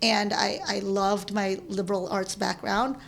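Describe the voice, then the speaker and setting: A woman in her forties from the Philippines, a podcast guest talking casually, halting with many restarts and frequent laughs. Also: mid-range voice, flat delivery, vocal fry, a bit bright, slight background noise. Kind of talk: casual interview chat.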